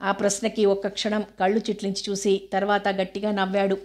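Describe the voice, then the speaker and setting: Female audiobook narrator, steady, flat-ish delivery, mid pitch. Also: fairly quick. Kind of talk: scripted novel narration.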